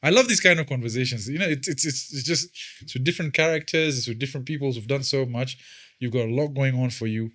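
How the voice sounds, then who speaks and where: A man's voice: medium pitch, quick pace, fairly bright tone. A man hosting a podcast, earnest, often repeating words as he starts a thought. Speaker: podcast host. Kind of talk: casual podcast chat.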